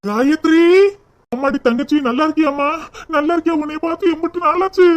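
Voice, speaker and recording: A man's voice: extremely high pitch, brisk. A man voicing a grown village son back from work abroad, homesick and fond of his family. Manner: warm, homesick.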